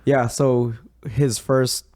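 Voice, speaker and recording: A man from the Philippines hosting a podcast, chatting casually in an excitable way, with frequent swearing and laughter. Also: medium pitch, extremely slow, no echo, studio quality. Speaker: podcast host.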